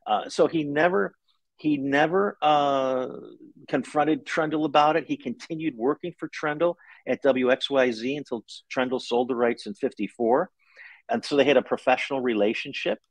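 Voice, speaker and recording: Speaking from home over a video call with almost no room echo, a middle-aged author answers interview questions by laying out a story piece by piece. His medium-pitched delivery is conversational and measured, with a few halting moments.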